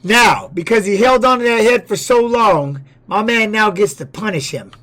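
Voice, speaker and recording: A middle-aged man streaming, loudly telling stories and reacting to fight videos with plenty of swearing. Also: high voice, animated, normal speed. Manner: loud, profane storytelling with laughs. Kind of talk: casual stream chat.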